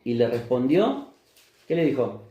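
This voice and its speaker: A man's voice: mid-range voice, very animated, unhurried, mellow, reverberant, highs cut off. A man with a Rioplatense Spanish accent preaching a sermon as pastor, often putting questions to the congregation and answering them himself. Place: church hall.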